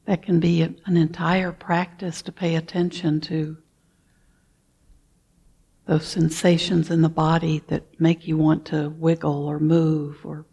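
A woman guides a meditation in a slow, unhurried, soft-spoken way, often clearing her throat. Her voice is low, dark and gravelly, with a husky edge. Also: level tone. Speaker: meditation teacher.

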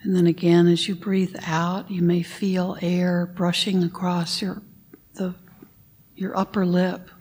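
A woman leading a guided meditation, giving gentle instructions and sometimes dropping to a whisper on the breath cues. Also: on the low side, little pitch movement, slow pace, slightly rough.

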